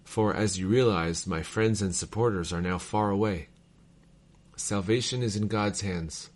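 A man reading old letters aloud in a measured, formal cadence, as a reader of devotional texts. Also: on the low side.

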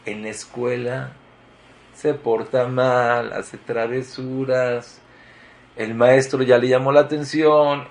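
A man giving a sermon, telling a story and shifting between emphatic lines and quiet ones. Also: mid-range voice, a little hiss or hum.

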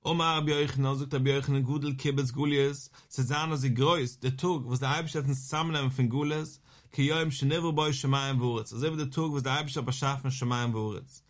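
A man giving a Talmud lesson, reading the source aloud and explaining it line by line, slowing into a sing-song when he quotes a verse. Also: medium pitch, steady tone. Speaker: Talmud teacher.

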